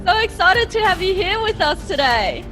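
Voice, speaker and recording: Woman podcast host, very high and animated voice, giggly casual chat. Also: normal speed, faint music behind. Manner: bubbly and giggly, cheering guests in.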